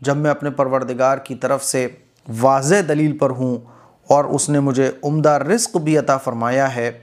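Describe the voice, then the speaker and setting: A man's voice: mid-range voice, steady tone, moderate pace. A man giving a religious lesson, explaining patiently phrase by phrase and asking rhetorical questions. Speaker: Quran teacher.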